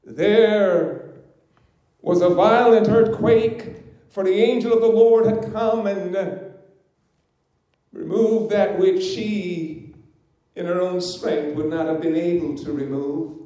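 A man preaching a sermon, slow and emphatic, with dramatic pauses. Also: high voice, steady tone, warm tone, dull audio. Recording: very echoey hall.

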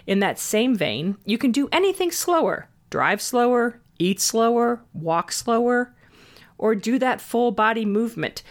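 A woman's voice: on the high side, vocal fry. A woman host giving scripted self-help advice in an upbeat, orderly way, leaning on key words. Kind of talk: scripted advice narration, tips addressed to the listener.

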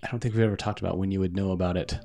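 A man's voice: sits low, fairly even intonation, racing, creaky, a little mellow. A middle-aged man running a family tabletop game as game master, patiently guiding and explaining the rules to his kids.

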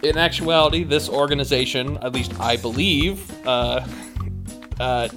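A man's voice: mid-range voice, a little slow, over music. A man hosting a tabletop game podcast as game master, talking casually and a little hesitantly.

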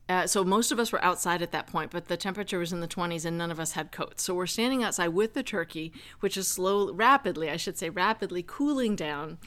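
Woman, 30s, casual storyteller, wry, conversational, with plenty of asides. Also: fairly low pitch. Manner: chatty, wry, with asides and fillers. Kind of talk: personal anecdote told casually.

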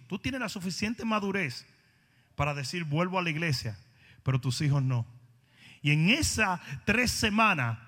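A man preaching, his voice sitting fairly high for a man. He tells stories animatedly, swings up to shouts, then drops low and earnest. Long reverb from a large church hall trails every phrase. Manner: animated storytelling, shouting at peaks. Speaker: pastor. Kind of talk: sermon.

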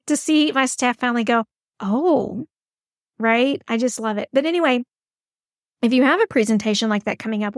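A woman's voice: sits high, no room sound, studio quality. A woman podcast host who works as a school counselor, giving upbeat, encouraging advice in a chatty coaching tone. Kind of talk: casual coaching monologue.

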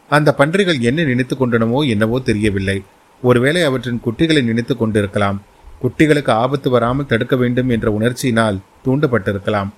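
A man narrating a historical novel as an audiobook, in a steady, dramatic storytelling manner. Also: mid-range voice.

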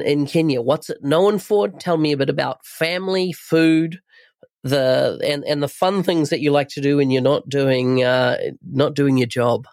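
A man's voice: on the high side, a little mellow, no room sound, studio quality. A man hosting an interview podcast, introducing his show and guest and asking questions.

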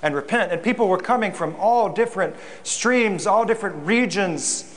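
A man's voice: high-pitched, animated, moderate pace. Reflective man preaching a sermon. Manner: reflective, with frequent repeated words. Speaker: pastor. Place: church.

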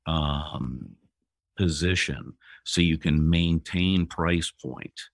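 A man with an extremely deep voice speaks slowly and in a measured way as a guest in a business chat. His recording sounds close and dry, with no room echo. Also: creaky. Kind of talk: casual business conversation.

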